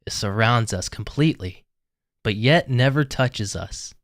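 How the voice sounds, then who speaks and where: A man voicing a mysterious whispered voice that recites a riddle slowly and evenly. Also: medium pitch, expressive, dry recording, studio quality. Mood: solemn. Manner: slow, measured recitation.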